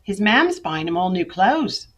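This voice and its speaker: A woman's voice: mid-range voice, very animated, a little slow. A woman voicing a small worried London boy in an attempted Cockney accent, eager and chattering.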